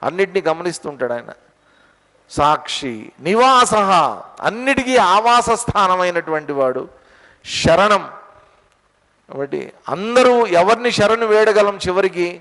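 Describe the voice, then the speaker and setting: A man giving a spiritual discourse on scripture, explaining each word and asking his listeners questions, with stretches of slow verse chanting. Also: high-pitched, a bit bright. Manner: explains word meanings and drills pronunciation, asks the audience questions. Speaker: Gita teacher. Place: lecture hall. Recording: long hall reverb.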